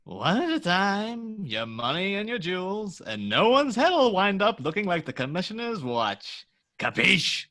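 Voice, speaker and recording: A gleeful comic-book villain, acted out by a man at a table read. His high, sharp voice swoops wildly up and down, playful and singsong, with menace under the jokes. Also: big pitch swings, a little slow, heavily acted. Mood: menacing. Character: gleeful, menacing male Joker disguised as comic policeman.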